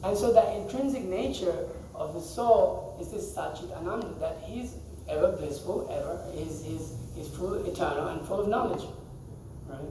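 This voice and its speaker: A man whose voice sits high, with a dark tone and moderate pace, teaches a group scripture in a temple hall; slight background noise is present. His style is conversational, full of quizzing and frequent laughter, recorded by a far-off mic in an echoey room.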